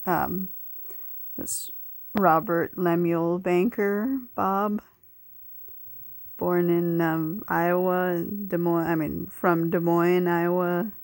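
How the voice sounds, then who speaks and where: A woman narrating family photos in a slow, halting way, full of ums and uhs. Her voice sits fairly low, and the sound is close and dry. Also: gravelly, a little mellow, no echo. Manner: hesitant, with many ums and uhs. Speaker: family historian presenting a tape. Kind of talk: casual narration over photos.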